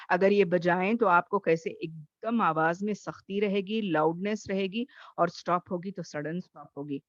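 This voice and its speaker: A woman's voice: fairly low pitch, no room sound, lo-fi sound. A woman teaching a Tajweed class online, explaining patiently and checking in often with her students.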